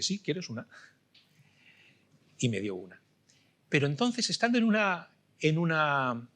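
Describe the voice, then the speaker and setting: A middle-aged man preaching a sermon, telling a story with loud bursts and soft asides. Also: on the high side, breathy edge.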